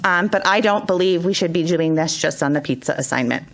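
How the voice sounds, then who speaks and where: A woman school board member giving a firm, deliberate prepared statement at a public board meeting, speaking into a table microphone. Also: on the low side.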